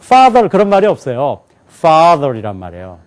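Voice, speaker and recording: A man's voice: a little high, big pitch swings, fairly quick, darkish tone. A man teaching a lecture to a live class. He keeps asking the students questions and then answers them himself. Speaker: English teacher.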